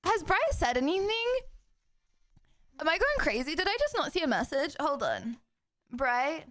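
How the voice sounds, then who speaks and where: A woman livestreamer chatting excitedly and thanking viewers, exclamatory and often repeating her words. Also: high voice, moderate pace, dry recording, studio quality. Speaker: live streamer.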